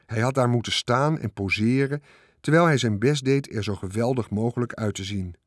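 A man narrating a children's storybook, reading in a lively way. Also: mid-range voice, normal speed, no echo, clean studio sound. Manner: lively, character-voicing reading.

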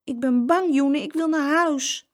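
A woman doing a scared little girl, high and pleading. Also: animated, normal speed, vocal fry, husky, exaggerated voice.

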